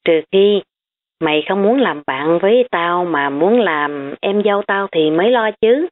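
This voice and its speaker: A woman doing a sharp-tongued rich schoolgirl. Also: lowish voice, animated, unhurried. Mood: defensive. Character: rich girl hiding her wealth, defensive. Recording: tinny phone-like audio.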